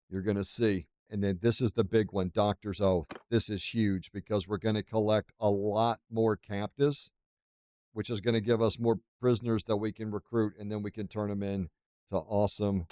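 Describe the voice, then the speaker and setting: A man with a fairly low voice hosts a casual gaming playthrough. He talks in an exclamatory, playfully boastful way, commenting on the game as he plays. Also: darkish tone, smooth, no room sound, clean studio sound. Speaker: gaming video host.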